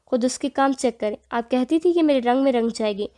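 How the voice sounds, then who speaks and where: A woman's voice: high-pitched, mellow, natural voice. A woman reading the part of a hot-tempered young husband in an audio novel, with clipped, biting delivery. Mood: angry.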